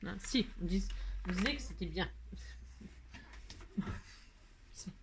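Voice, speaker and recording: A woman's voice: on the low side, expressive, slow. A woman hosting a casual crafting tutorial at her home craft table. She chats away and answers her own remarks, adds playful sound effects, and grumbles over slips before laughing them off. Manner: gets annoyed by mistakes, then laughs it off. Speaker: crafting video host. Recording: noisy home recording.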